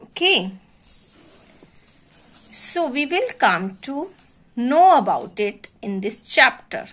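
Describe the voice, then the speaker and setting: A woman's voice: a little high, very animated, slow pace, fairly bright tone, husky. A woman teacher, giving a class to young children, checking in often and mixing in Hindi phrases. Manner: repeats and checks on pupils, switches into Hindi phrases. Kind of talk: online class lesson.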